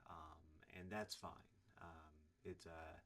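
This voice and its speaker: Casting: man in his 40s, deep voice, preacher telling his own story, loose and rambling, lots of ums. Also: steady tone, takes it slowly, fairly bright tone. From Illinois, USA. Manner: rambling, many fillers and restarts. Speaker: preacher giving his testimony. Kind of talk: casual personal testimony to camera.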